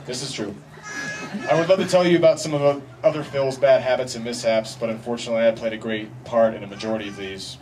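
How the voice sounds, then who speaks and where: A man delivering a best man's wedding speech in a wry, deliberate way with pauses for effect. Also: mid-range voice, fairly even intonation. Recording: distant mic, noisy live event ambience.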